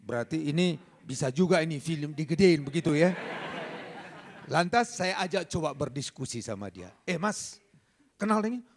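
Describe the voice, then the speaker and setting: A man's voice: a little high, normal speed. Man telling a stand-up story. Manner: relaxed anecdotal storytelling, jumping into voices. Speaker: lawyer doing stand-up comedy. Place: comedy stage.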